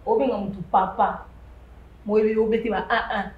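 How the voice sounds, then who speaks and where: A woman, chatting lively on a talk show panel, with emphatic bursts. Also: medium pitch, normal speed, phone-quality sound. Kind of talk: casual chat show commentary. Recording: echoey room with faint noise.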